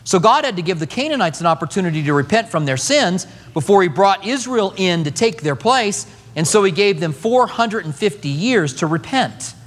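Animated high-voiced man preaching. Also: normal speed, few pauses, in a large hall. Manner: animated storytelling with humor. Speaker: pastor. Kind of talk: sermon.

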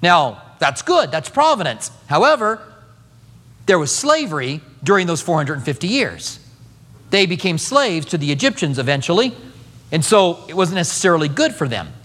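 A man's voice: a little high, normal speed, long reverb tail. A middle-aged man preaching a sermon as pastor, telling stories with humor. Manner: animated storytelling with humor.

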